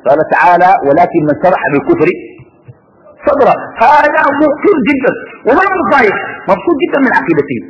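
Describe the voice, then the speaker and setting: This religious teacher's high, very animated voice moves at a quick pace as he teaches a class on creed, pausing to quiz his students and let them finish his sentences. The lo-fi recording is dull, made in a reverberant hall, with a little hiss or hum.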